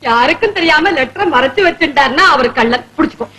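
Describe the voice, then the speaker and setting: A woman's voice: high-pitched, lively intonation, fast talker, bright, forceful tone, a little hiss or hum, low-quality recording. An actress playing a meddling, scheming married neighbor woman in a classic film comedy, talking in a bossy, gossipy way full of theatrical exclamations. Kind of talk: 1970s Tamil film comedy acting.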